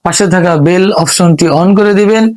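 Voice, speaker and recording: A man's voice: high voice, fairly even intonation, moderate pace, darkish tone. A Bangladeshi man teaching an English reading class, patiently spelling out letters and repeating sounds step by step. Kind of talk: step-by-step spoken lesson.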